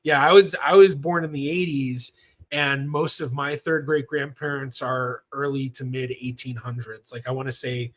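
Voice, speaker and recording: A man's voice: mid-range voice, a bit bright. A man in his thirties, a professional genealogist hosting a casual livestream Q&A, talking in a chatty, rambling way with lots of fillers. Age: 30s.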